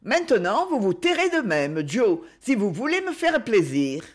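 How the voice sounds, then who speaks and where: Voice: mid-range voice, big pitch swings, unhurried. An audiobook reader voicing a modest, spirited young heroine in a lightly raised, earnest voice.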